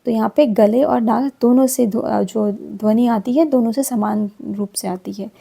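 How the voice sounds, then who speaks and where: A middle-aged woman teacher explaining a grammar lesson, repeating example words slowly one by one. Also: a little high, fairly even intonation, creaky, warm tone, breathy edge.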